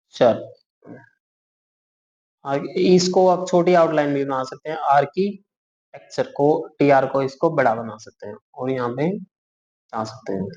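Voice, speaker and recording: Male shorthand tutor: unhurried, spells out letters, calls students "beta", dull lo-fi sound. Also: fairly high pitch, darkish tone. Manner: slow, patient, spells words out letter by letter and asks "clear?"; calls students "beta", corrects himself as he draws. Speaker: shorthand teacher. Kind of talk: explaining shorthand outlines for dictation words. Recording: muffled lo-fi recording.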